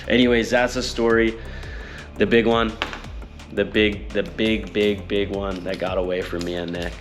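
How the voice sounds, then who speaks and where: A fishing boat captain, a man, telling a story in a rambling, animated way with many fillers. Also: on the low side, a little slow, pauses often, soft background music. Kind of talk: casual storytelling.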